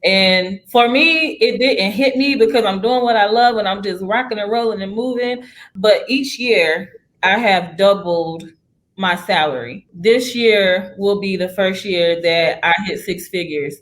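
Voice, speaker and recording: A woman's voice: medium pitch, unhurried. Young woman, realtor, casual interview, upbeat, chatty, laughing. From United States.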